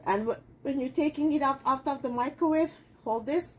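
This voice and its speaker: Her voice is high and her speed normal as this middle-aged native Armenian speaker chats through a cooking demonstration at home. She hosts a show selling kitchenware, speaking loosely with many fillers, and the audio carries a little hiss or hum.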